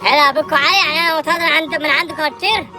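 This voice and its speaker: A performer voicing a cheeky, easily frightened little boy in an Egyptian Arabic comedy skit, with a squeaky whining voice that swings from bragging to panic. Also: steady tone, racing, pushed and bright, faint music behind. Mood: boastful. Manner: squeaky, boastful then panicky, cursing in a high whine.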